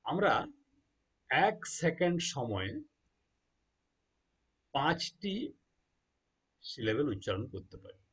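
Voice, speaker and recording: In a mid-range, slightly rough voice, a man explains a lesson to students. He spells words out letter by letter and answers his own questions.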